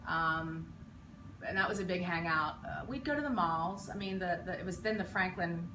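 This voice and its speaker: A woman's voice: on the low side, normal speed. A woman in her forties from western Pennsylvania, a teacher looking back on her school years in a casual interview, reflective and rambling with many ums and restarts. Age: 40s. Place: school building. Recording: echoey room, mic far off, noisy.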